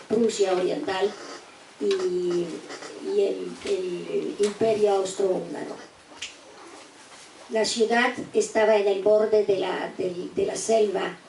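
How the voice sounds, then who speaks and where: Woman in her eighties, from eastern Poland, slow deliberate testimony, distant mic, roomy echo. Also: mid-range voice, gravelly, warm tone. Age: 80s. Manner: slow, deliberate, with repeated restarts. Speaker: guest speaker giving survivor testimony. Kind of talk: spoken testimony to students. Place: university auditorium. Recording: echoey room, distant mic, faint noise.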